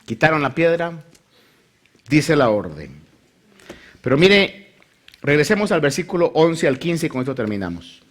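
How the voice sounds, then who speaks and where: A man's voice: a little high, measured pace, pauses often. A male pastor preaching a sermon, reading scripture and acting out the people in the story. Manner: animated preaching, acts out voices of the Bible story.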